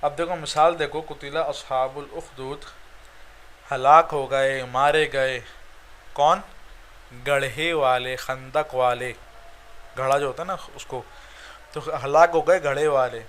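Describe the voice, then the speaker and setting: A man's voice: mid-range voice, fairly even intonation, long pauses, fairly bright tone. A man with a Pakistani Urdu accent teaching Arabic grammar in a recorded online lecture, explaining step by step and checking "right?" after each point.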